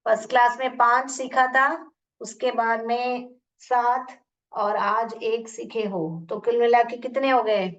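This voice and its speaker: A woman with an Indian accent teaching English phonics in an online class, repeating sounds slowly and asking questions. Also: a little high, steady tone. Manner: slow, repeats sounds and words, asks questions. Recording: muffled, distant from the mic.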